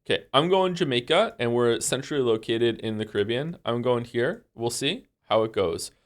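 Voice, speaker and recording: Around forty and stuffy-voiced, this game streamer rambles casually on his live stream, restarting often and leaning on fillers. The mood is low-key and gently self-mocking, though he sounds animated and talks at a normal speed.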